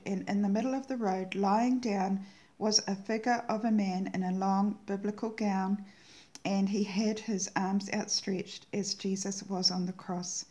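An earnest woman hosts her own channel and shares a devotional message in a reverent tone. Her voice is warm and mellow, and her pitch sits in a middle range. She lingers over the words she treasures. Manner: earnest and reverent, slows down to savor quoted words. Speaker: channel host sharing prophetic words.

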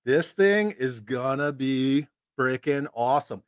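A man's voice: medium pitch, lively intonation, unhurried, slight background noise. A man chatting casually on a stream, easygoing and joking, sometimes hesitant. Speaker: co-host, toy channel guest. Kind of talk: casual chat.

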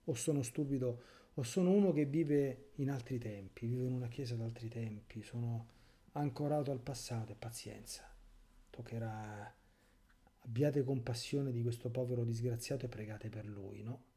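Brief: male priest preaching catechesis, dark mellow voice, rhetorical and impassioned. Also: mid-range voice, normal speed. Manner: impassioned, rhetorical, sarcastic asides. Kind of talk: catechesis sermon.

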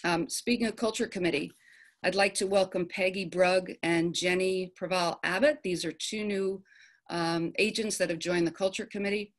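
A woman presenting an upcoming event in a virtual office meeting, halting, with many ums and uhs, over a video call. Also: on the low side, fairly even intonation. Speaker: committee presenter.

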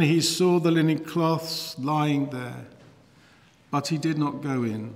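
A middle-aged man, a priest, reading scripture in a measured, formal way with echo around his voice. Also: on the high side, fairly bright tone. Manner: measured, formal, partly intoned. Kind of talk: solemn liturgical scripture reading. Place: church, at a lectern. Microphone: lectern gooseneck microphone. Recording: long church echo.

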